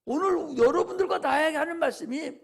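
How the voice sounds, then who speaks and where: Very high-pitched gravelly preaching man. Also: a little fast. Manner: impassioned, swinging between loud exhortation and hushed asides; repetitive preaching cadence. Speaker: pastor. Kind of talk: sermon.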